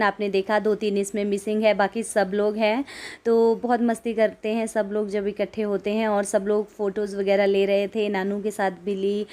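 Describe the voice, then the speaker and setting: Woman, Himachali accent, casual vlog narration, chatty, speaks to viewers, middle pitch. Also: warm tone. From Himachal Pradesh, India. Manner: chatty, talks straight to viewers. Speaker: vlogger.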